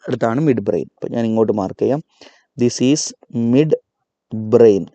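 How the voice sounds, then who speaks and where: A man teaching a live online biology revision class with a Malayali accent, calling on students to repeat terms aloud and spelling key words out slowly. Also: mid-range voice, mellow, no echo, dull audio.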